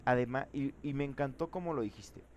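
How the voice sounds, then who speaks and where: A man's voice: medium pitch, fairly quick. A man teaching a live programming class, thinking aloud and asking the students questions.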